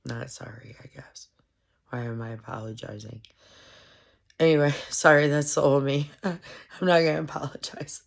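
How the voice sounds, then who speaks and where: A woman with a stuffed-up, congested voice, rambling through a casual solo commentary with halting, meandering speech and many fillers. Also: sits low, gravelly.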